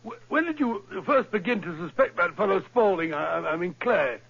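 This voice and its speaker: An actor playing Doctor Watson as an eager, bluff companion who exclaims readily, in 1940s radio style. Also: male voice, high voice, big pitch swings, moderate pace, vocal fry, fairly bright tone, breathy edge, heavily acted. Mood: cheerful. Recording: muffled old radio broadcast with faint hiss.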